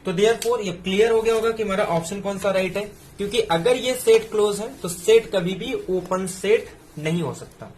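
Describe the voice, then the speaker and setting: A man's voice: high-pitched, normal speed, hardly any pauses, darkish tone, slight background noise. A man, tutoring math step by step through exam solutions. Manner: explains step by step, mixing in English terms.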